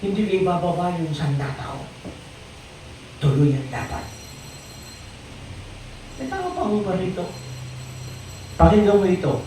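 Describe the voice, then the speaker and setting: A preacher giving a sermon in a church, calling out to the congregation for amens and swinging between loud bursts and quiet lines. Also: slight background noise. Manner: call-and-response, asking the congregation for amens; swings from loud exclamations to low quiet phrases. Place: church hall. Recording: very echoey hall, voice from far off.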